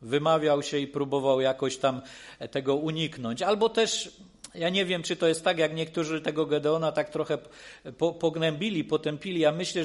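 Male preacher, sermon, a touch higher voice, halting, reassuring. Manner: halting, many restarts and repeated phrases; earnest, reassuring.

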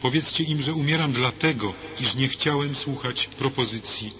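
A man's voice: mid-range voice, normal speed, natural voice. A man voicing an angry, stubborn young male prisoner condemned to death, in a read-aloud story. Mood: remorseful. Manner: shouting, defiant. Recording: dull lo-fi with faint hiss.

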